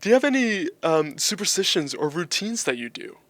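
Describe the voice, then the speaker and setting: A man's voice: sits high, sing-song, fairly quick, fairly bright tone, dry recording. A young man from Trinidad, a student interviewing his guest, enthusiastic and affirming, often agreeing with "that's right". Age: young adult. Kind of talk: podcast interview.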